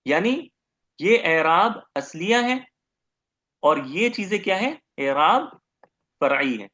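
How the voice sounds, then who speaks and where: Guy teaching arabic grammar, slightly high voice, patient, stretches out sounds, dull lo-fi recording. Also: sing-song, sharp tone. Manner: patient, explanatory, drawn-out syllables when demonstrating sounds. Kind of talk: recorded lecture.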